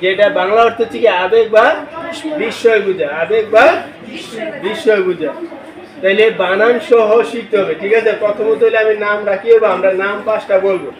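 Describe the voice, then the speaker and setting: A man's voice: high-pitched, fairly even intonation, fairly quick. A male teacher leading a classroom lesson, questioning the class and spelling words letter by letter. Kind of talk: classroom lecture with call-and-response. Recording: echoey classroom from a distance.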